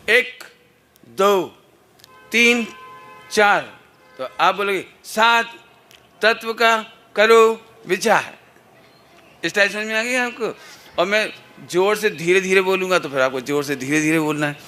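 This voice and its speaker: A man's voice: sits high, pushed and bright. A man teaching at a children's camp, playfully coaxing the kids and counting out cues for call-and-response chants.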